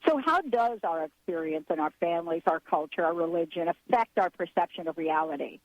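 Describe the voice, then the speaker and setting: A woman's voice: on the low side, lively intonation, fairly quick, dry recording. A woman hosting a spiritual talk radio show, speaking casually and rambling a little as she hunts for her words. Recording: slightly dull lo-fi radio sound.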